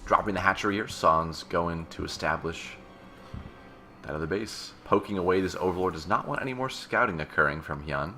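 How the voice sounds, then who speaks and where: A man's voice: low-pitched, fairly quick, pushed and bright, faint music behind. A man giving joking play-by-play commentary on a strategy video game match. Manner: joking, banters with co-caster. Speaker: esports caster.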